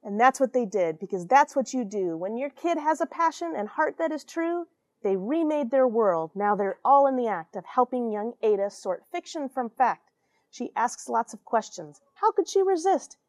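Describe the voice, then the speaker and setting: Inside a cramped, equipment-packed airlock on a space station, a forty-something American woman, an astronaut, performs a children's storybook with dramatic flair and warm side comments for the kids. Her voice sits on the high side with big swings in pitch, a darkish tone, and normal speed, and the recording is dry.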